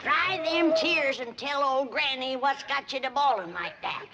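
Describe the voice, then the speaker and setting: Old hillbilly grandma, rural Southern drawl, folksy, slow speech, loud hiss. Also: female voice, high voice. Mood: soothing. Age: older. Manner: folksy, bossy, comforting. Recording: noisy old TV soundtrack.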